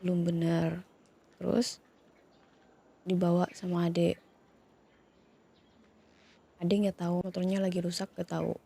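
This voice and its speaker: A woman in a whispered role-play, calmly scolding and soothing two siblings who have been fighting. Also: fairly low pitch, unhurried, gravelly, pauses often, slightly rough. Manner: scolding yet soothing, questioning. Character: woman calming partner and his younger sibling fighting. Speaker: ASMR roleplay creator.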